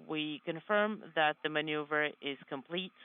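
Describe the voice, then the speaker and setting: A man's voice: a little high, moderate pace, a little hiss or hum. A man giving a live translation voice-over of flight controllers, relaying their words tersely and plainly over a radio loop. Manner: terse, matter-of-fact relay. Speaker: interpreter. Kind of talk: simultaneous interpreting, clipped readouts. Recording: tinny radio comm loop.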